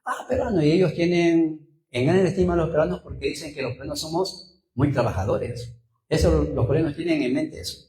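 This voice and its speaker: Preaching with a Peruvian Spanish accent, a pastor from Peru tells personal stories in his sermon, stressing points through repetition and rhetorical questions. He has a mellow voice of fairly high pitch, captured in poor, reverberant audio.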